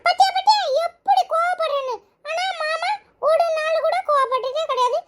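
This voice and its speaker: A woman voicing a chatty, teasing little village boy in a cartoon, with a squeaky, giggly voice. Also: moderate pace, a bit bright. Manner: teasing, rambling, singsong. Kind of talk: cartoon storytelling.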